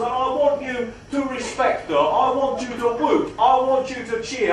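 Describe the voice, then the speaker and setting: A man playing a mock-genteel, faintly menacing gangster compère, delivering comic stage patter with grand words and drawn-out emphasis. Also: very high voice, a bit bright. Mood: coaxing. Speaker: burlesque show compère in comedy double act. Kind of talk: live comedy patter addressed to audience. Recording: roomy live venue, distant mic, faint noise.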